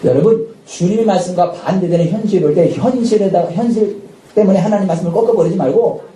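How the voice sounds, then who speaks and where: A male pastor preaching a sermon with lively energy, often shouting out dramatic lines and laughing. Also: sits high, fast talker. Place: church sanctuary at a Friday night service. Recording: echoey church hall, distant mic, faint noise.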